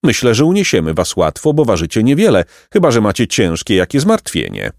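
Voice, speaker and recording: A man's voice: lowish voice, wildly swooping pitch, brisk, vocal fry, a little mellow, no room sound, studio quality, exaggerated voice. A man voicing a pompous, courtly male pelican who speaks with grand politeness and shrieks. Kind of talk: audiobook character voice.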